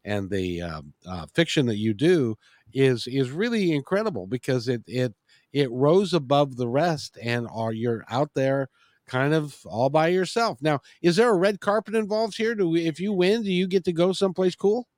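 A man's voice: on the high side, animated, normal speed, a little mellow, dry recording, clean studio sound. A man hosting a podcast in a casual interview style, informal and encouraging. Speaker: podcast host.

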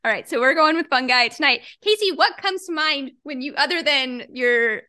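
This podcast co-host has a high, pushed, bright voice with lively intonation and a moderate pace, recorded dry at studio quality. She steers the casual chat, chatty and laughing frequently.

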